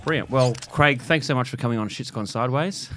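A man's voice: medium pitch, fairly quick, noisy background. A man in his thirties hosting a podcast, chatting in a friendly, easygoing way on a studio mic. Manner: friendly, brief affirmations, laughs easily. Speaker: podcast host. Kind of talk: conversational interview. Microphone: studio boom mic.

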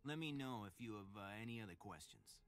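A man's voice: on the low side, animated, brisk. A man voicing a chatty, nervous male police officer with a Boston accent in a video game. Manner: rambling, eager to please.

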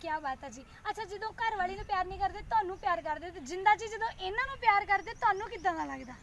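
A woman's voice: extremely high pitch, expressive, fast talker, crowd noise. A woman, hosting an interview outdoors. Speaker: interviewer and host. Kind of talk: on-location interview. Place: outdoors in a leafy park. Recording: noisy outdoor recording.

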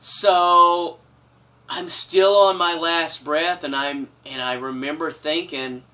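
A middle-aged storyteller host speaks slowly in a voice on the high side, sitting far from the camera mic in a small wood-paneled room. He shares a personal story earnestly and dramatically, gesturing broadly.

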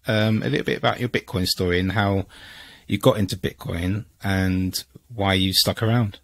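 A man's voice: sits low, fairly even intonation, normal speed. A man hosting a podcast, asking a guest curious, welcoming questions into a studio mic at home. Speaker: podcast host. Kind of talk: interviewing a guest. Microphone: studio mic on arm.

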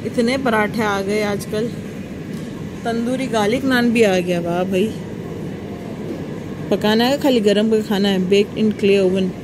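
A woman vlogger with an Indian Hindi-Urdu accent, chatting casually about products and prices while walking through a large supermarket, recorded on a phone. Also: mid-range voice. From South Asia. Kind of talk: casual walk-through vlog. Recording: phone video with store noise.

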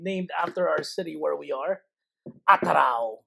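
A woman's voice: deep voice, animated, normal speed, creaky, pushed and bright, husky. A woman, a mother in a family vlog, chatting casually and laughing often as the family taste-tests snacks.

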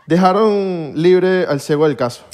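A man co-hosting a podcast, relaxed and slangy in casual banter. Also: high voice, measured pace, a little hiss or hum. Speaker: podcast co-host.

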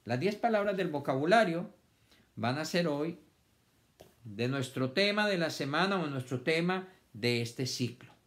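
A man's voice: on the high side, expressive, unhurried. A man teaching a children's vocabulary lesson, stretching words out syllable by syllable and repeating them for the class to copy.

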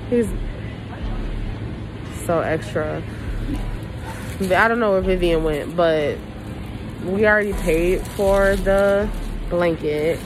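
A woman's voice: fairly low pitch, low-quality recording. Chatty young woman through a face mask. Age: 20s. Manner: chatty and playful, talking to viewers. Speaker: vlogger. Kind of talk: casual vlog chat. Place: indoor airport shop. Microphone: handheld camera.

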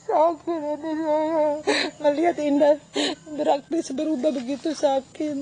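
A woman's voice: high-pitched, level tone, measured pace, dark tone, a little hiss or hum. An older woman giving a tearful, pleading and indignant interview, her voice crying as she speaks. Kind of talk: emotional interview testimony.

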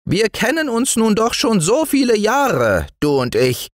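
Forest dwarf, high thin voice, stern, scolding, very animated pitch, dry close sound. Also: male voice, measured pace, no echo, full character voice. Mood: earnest. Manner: scolding, lively. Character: small gray male forest dwarf, stern but kindly. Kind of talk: storybook reading.

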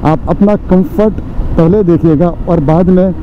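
At a measured pace and with a voice that sits high, a motovlogger in his forties chats casually with viewers as friends, heavy on fillers, while riding on city and village roads. His helmet or bike-mounted action camera mic yields dull lo-fi audio, and faint traffic and road noise can be heard.

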